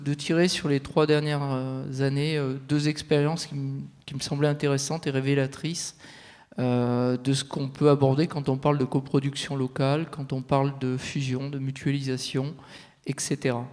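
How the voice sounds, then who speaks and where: A territorial consultant gives an explanatory conference presentation, laying out his points step by step in a large reverberant venue. His mid-range voice is a little mellow, clear and resonant, with a flat delivery at normal speed. The hall is echoey with long reverb.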